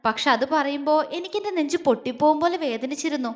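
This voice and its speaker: Woman doing a soft-spoken loving young guy, high voice, long reverb behind. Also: animated, fast talker. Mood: tender. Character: tender young man confessing his love.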